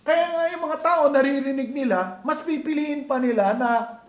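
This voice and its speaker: Filipino male preacher, higher register, asks the congregation question after question, reverberant church sound. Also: normal speed. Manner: switches between Tagalog and English, conversational preaching with rhetorical questions. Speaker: pastor. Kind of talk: sermon.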